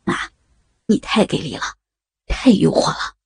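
A woman voicing a flustered, teasing young adult son in a hushed, breathy, lowered voice. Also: big pitch swings, a little slow, slight background noise, exaggerated voice.

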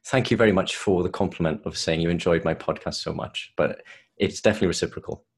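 A man with a soft South Welsh accent, chatting casually as a guest in an interview. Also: low voice, fast talker, husky. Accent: South Welsh, softened. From South Wales. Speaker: podcast guest, solicitor.

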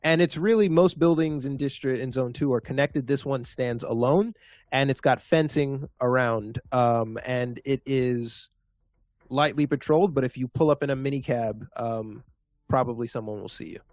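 A man's voice: mid-range voice, moderate pace, darkish tone, dry recording. A man narrating as game master of a tabletop role-playing game, talking with many fillers and restarts.

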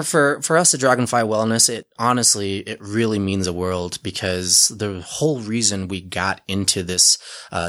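A man's voice: deep voice, fairly bright tone. A man in his forties from Utah, a podcast guest talking earnestly at length, with frequent fillers and restarts. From Utah, United States. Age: 40s. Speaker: guest, dispensary representative. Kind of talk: casual podcast conversation.

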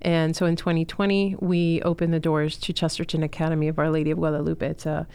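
Deep, clear and resonant, with a touch of mellowness, this woman's voice moves fast in a flat delivery. As an interview guest, the forty-something school co-founder, originally from Chile and brought up in Miami, tells her personal story with earnest feeling and frequent fillers.

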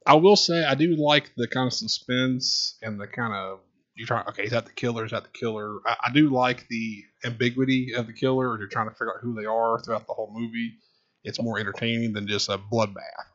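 A man's voice: mid-range voice, fairly even intonation, a little fast, fairly bright tone, dull audio. A man appearing as a podcast guest, easygoing and thinking aloud in casual chat.

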